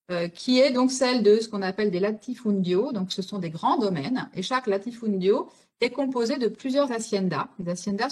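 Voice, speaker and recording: A woman's voice: medium pitch, a little mellow. A woman giving an online illustrated history talk, explaining step by step with frequent fillers and self-corrections. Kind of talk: spontaneous illustrated lecture.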